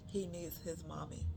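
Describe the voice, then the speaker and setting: A spiritual card reader giving a channeled reading to viewers, repeating phrases for emphasis, with many pauses and fillers. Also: medium pitch, creaky, background noise. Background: music.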